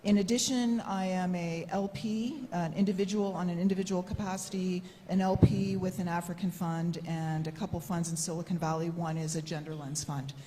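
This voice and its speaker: A woman's voice: lowish voice, steady tone, moderate pace, few pauses, dark tone. A woman speaking as a panelist in a very polite, courteous way, giving a formal introduction at a conference. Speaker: panelist, venture investor. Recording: echoey hall microphone, noisy room.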